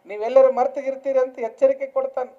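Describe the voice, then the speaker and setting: Man, North Karnataka accent, storytelling sermon, lively, muffled lo-fi sound. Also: very high voice, fast talker. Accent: North Karnataka Kannada. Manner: lively, acts out village voices in stories. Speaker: spiritual teacher.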